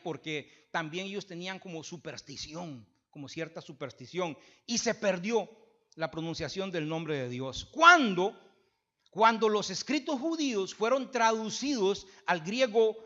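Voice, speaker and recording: A high-voiced man delivers a sermon in a church. He moves from loud, emphatic declarations to soft, chatty asides, repeating words as he goes and checking in with the listeners. The recording sounds dull and lo-fi. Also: unhurried. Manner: swings from loud emphatic preaching to quiet conversational asides; repeats and restarts phrases, asks the congregation "verdad?". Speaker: pastor.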